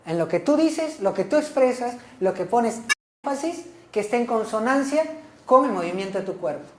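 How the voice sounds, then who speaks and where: A woman lecturing a class in an instructive, steady way, often pausing to check in with her listeners. She repeats and rephrases her key points. The voice sits in a middle range and rings in an echoey room. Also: mid-range voice. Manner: instructive, asks frequent checking questions like "¿ok?" and "¿sí?". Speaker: teacher.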